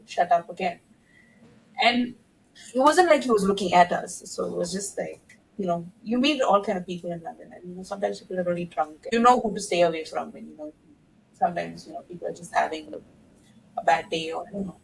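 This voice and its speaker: A woman's voice: lowish voice, brisk, vocal fry, breathy edge, poor audio. A woman in her thirties, a podcast guest from India, telling a story in casual conversation and laughing now and then.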